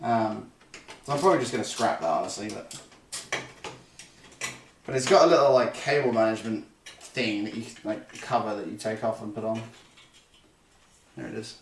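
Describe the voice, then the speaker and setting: A young man with a fairly low voice chats casually with his stream viewers while building a computer, rambling and correcting himself. He speaks at a normal pace with long pauses. The recording is roomy, a little distant, and carries faint noise.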